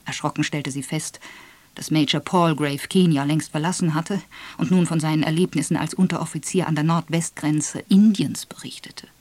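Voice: medium pitch, no echo. Trocken aufgenommener, gemessener Hörbuchsprecher. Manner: measured, expressive storytelling. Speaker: audiobook narrator. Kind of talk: scripted narration.

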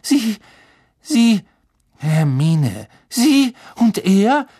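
A man reading an audiobook, voicing a frantic teenage schoolgirl who cries out shrill accusations. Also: moderate pace, darkish tone, breathy edge. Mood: shrill, accusing. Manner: shrill, crying out.

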